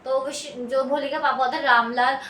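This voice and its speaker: A woman's voice: high voice, steady tone, normal speed, a bit bright. A woman tutor casually retelling a textbook story, rambling with many fillers and restarts. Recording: echoey room, distant mic, faint noise.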